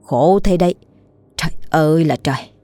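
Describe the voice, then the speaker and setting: A woman putting on a shrill, spiteful old mother-in-law. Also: moderate pace, warm tone, faint music behind, close to an everyday voice. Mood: shrill scolding. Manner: sour, scolding and wailing.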